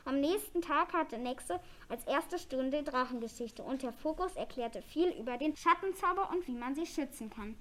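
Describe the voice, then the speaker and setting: A woman reading a children's story aloud in a plain, even way. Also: high-pitched, normal speed, hardly any pauses.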